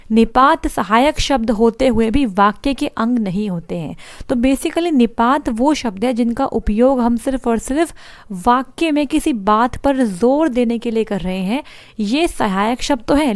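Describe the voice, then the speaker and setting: A woman with a fairly high voice teaches Hindi grammar for exam preparation, working through it step by step. She repeats her points and poses rhetorical questions, and the recording has no room sound.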